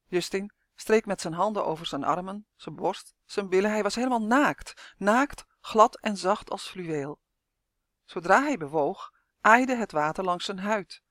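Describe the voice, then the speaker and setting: A narrator reading a children's novel aloud as an audiobook, telling it in a steady, expressive way. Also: medium pitch, no room sound, studio quality.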